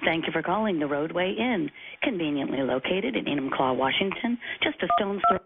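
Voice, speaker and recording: A woman's voice: fairly low pitch, animated, fairly quick, background noise. Woman's polite greeting over a landline phone. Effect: heard over a landline phone. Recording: tinny landline phone line.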